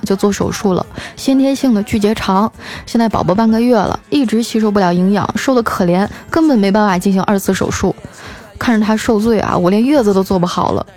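A woman's voice: mid-range voice, a little mellow. A woman podcast host reading listener messages aloud and answering them in a playful, teasing way. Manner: playful and teasing, often laughing. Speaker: radio-style podcast host. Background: faint background music.

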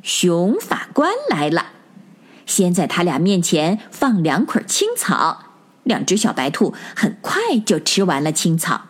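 Slow, breathy woman telling a bedtime story. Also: on the low side. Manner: gentle and expressive, addresses the children. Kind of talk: children's bedtime story narration.

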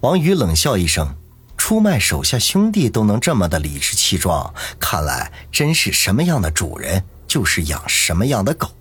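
A man's voice: fairly low pitch, huge pitch swings, normal speed, fairly bright tone, husky. A man narrating a novel as an audiobook, with dramatic storytelling. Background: faint music.

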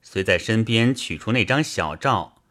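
A man reading a classic novel aloud in a slow, expressive storytelling style. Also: on the low side.

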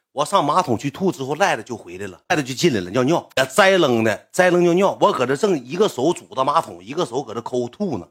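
Brief: rapid, husky Northeastern Chinese man, rough-spoken livestream storyteller. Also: mid-range voice. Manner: rambling, rough-spoken, swings loud when animated. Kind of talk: casual storytelling to a live audience.

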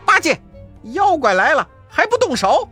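A storyteller voicing a fierce, hot-tempered monkey king hero who shouts in a shrill voice. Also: big pitch swings, normal speed, soft background music, heavily acted. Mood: urgent. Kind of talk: storybook character voice.

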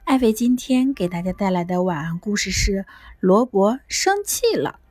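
A woman narrating a bedtime story for children with a gentle, clear reading voice. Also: mid-range voice, big pitch swings, normal speed, no room sound.

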